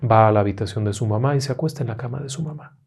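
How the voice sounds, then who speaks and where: A man's voice: mid-range voice, very fast, breathy edge. Dramatic male ghost-story narrator. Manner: dramatic, hushed in tense moments. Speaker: storyteller host.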